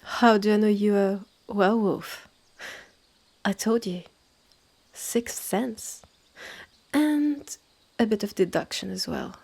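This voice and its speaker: In a scripted roleplay audio drama, a woman plays a haughty, territorial witch's sister who runs a secretive woodland hotel, a mistress of the woods. Her mid-range, darkish voice has a French accent and is husky and breathy with a gravelly edge. She speaks slowly, measured and condescending, her breath dropping at times to a near-whisper.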